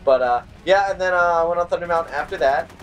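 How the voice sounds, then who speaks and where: Brief: male gaming co-host, a bit high-pitched, animated and fed-up storyteller, faint music behind. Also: fast talker. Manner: bursts into shouting at the game. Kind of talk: casual chat while playing a game.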